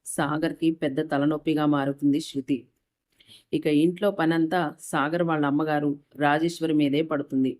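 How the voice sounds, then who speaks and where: A woman narrating a moral story in a steady, even reading voice. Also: deep voice, moderate pace.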